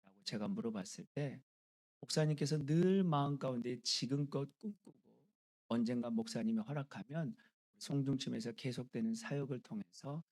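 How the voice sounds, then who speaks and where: High-voiced Korean man preaching. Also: a little mellow. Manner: storytelling preacher, building to emphatic declarations. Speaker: pastor. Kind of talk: sermon.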